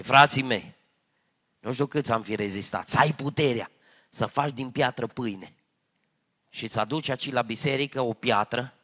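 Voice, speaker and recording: A man preaching a sermon as a pastor at a youth conference. He swings between loud emphasis and quiet asides. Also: mid-range voice. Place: church hall at a youth conference.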